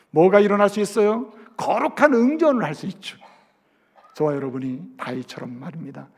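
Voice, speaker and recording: A man preaching a sermon as a pastor, asking the congregation questions and swinging between loud emphasis and soft, low asides.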